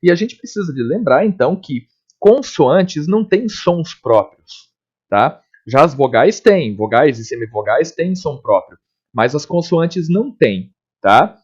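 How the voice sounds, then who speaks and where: A man teaching a recorded grammar lesson, explaining step by step, checking in often and spelling out letters and sounds slowly. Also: on the high side, very animated, breathy edge. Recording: dull lo-fi recording.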